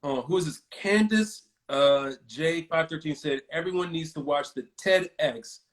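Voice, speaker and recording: A man's voice: fairly high pitch, measured pace. A man hosting a casual live video chat, talking loosely with many fillers and restarts, and reading out viewer comments. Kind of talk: casual conversation.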